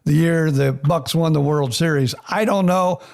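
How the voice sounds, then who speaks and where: A man's voice: fairly high pitch, moderate pace, creaky, a little mellow. A man hosting a podcast in casual interview talk, loose and full of uh fillers and restarts. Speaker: podcast host.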